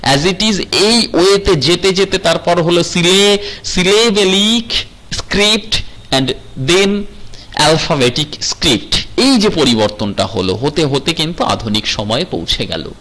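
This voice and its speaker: Male teacher, lecture delivery, lively intonation, slightly raised pitch, explains and checks in with students. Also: takes it slowly, low-quality recording. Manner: explanatory, asks the class "okay?" often; mixes in English terms. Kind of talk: recorded lecture.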